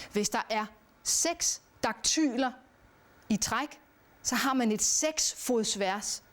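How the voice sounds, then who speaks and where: A woman giving a recorded lesson on poetry, speaking in a measured way and chanting verse rhythms aloud. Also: fairly high pitch. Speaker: teacher. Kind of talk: educational lecture.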